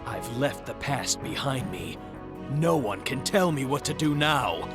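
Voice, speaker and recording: A man's voice: medium pitch, lively intonation, unhurried, over music, lightly acted. A man voicing a brooding, defiant hedgehog antihero from a video game in a grim, terse way. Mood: grim defiance.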